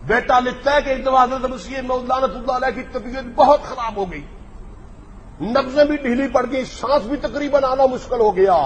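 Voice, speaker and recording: Guy preaching in a mocking storytelling way, highish voice, echoey hall with faint noise behind. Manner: mocking storyteller, acts out quoted exchanges. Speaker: religious speaker. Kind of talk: polemical religious speech.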